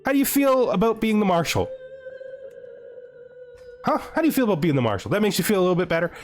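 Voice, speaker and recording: A gaming video host with a high-pitched, expressive voice talks fast over background music. He gives casual, jokey let's-play commentary on a strategy game, thinking aloud and often asking himself questions.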